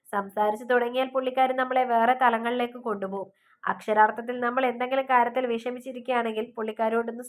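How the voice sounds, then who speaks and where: A woman's voice: a little high, close to an everyday voice. A woman voicing a kind, cheerful middle-aged man who speaks in a reassuring way.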